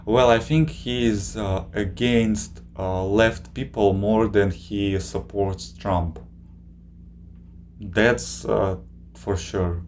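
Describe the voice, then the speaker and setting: A man casually chatting on a live stream, reading out viewer questions and reacting, with halting pauses. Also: fairly low pitch, fairly even intonation, a little mellow, slight background noise. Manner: slow, halting, many filler pauses.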